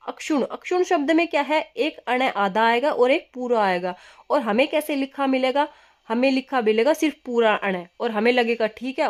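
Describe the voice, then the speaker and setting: A young adult woman teaching Hindi spelling for exams. She says each word slowly and keeps asking the class what it is. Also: high-pitched. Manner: repetitive teacher's questions, keeps asking "क्या है?"; drills words slowly, stressing correct spelling. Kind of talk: exam coaching lesson.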